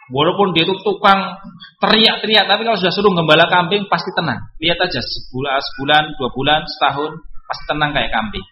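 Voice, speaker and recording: A man, preaching a study sermon with joking asides and sudden jumps in pitch for emphasis. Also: fast. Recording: roomy, dull lo-fi recording.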